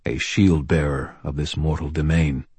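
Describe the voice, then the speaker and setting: A huge horned fae brute , as a man puts him on, rumbling out archaic threats with slow, heavy solemnity. The voice sits very deep and husky, with a close, dry sound. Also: steady tone, darkish tone, dry recording, heavily acted. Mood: stiff, solemn. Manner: rumbling, archaic formal speech. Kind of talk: audiobook character voice.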